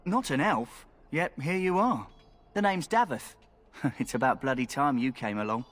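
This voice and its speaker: In a mid-range, animated, slightly bright voice at normal speed, a man plays a cheeky, flirtatious rogue recruit in a fantasy video game. His scripted delivery is lightly acted, wry, and colloquial, with a roguish mood.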